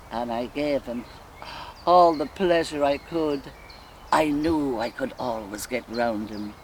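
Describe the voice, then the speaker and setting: An actress whose voice sits low plays a sensual Irish woman caught up in rapturous recollection, delivering an expressive, musing soliloquy in an Irish accent. She speaks slowly and deliberately with sighs, and faint birdsong and outdoor ambience from the countryside woodland surround her.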